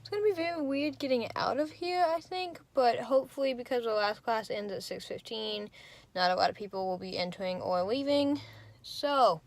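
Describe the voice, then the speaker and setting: A young college student chats casually to her camera as she goes about her day, rambling and narrating herself in her car and around campus. Her voice is fairly high and moves at a normal speed.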